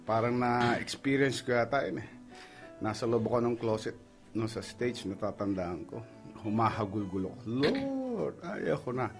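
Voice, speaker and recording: A man's voice: on the low side, steady tone, moderate pace, soft background music. A middle-aged Filipino man, a pastor, giving an earnest personal testimony in Tagalog mixed with English. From Philippines. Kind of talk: emotional testimony on a radio program.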